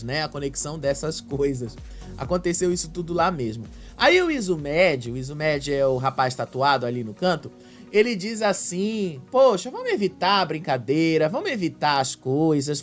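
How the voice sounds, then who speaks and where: Brazilian male host, higher voice, chatty gossip recap, faint music bed. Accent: Brazilian Portuguese. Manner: chatty, retells fights with emphatic rises. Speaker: reality show commentator. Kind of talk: casual commentary recap.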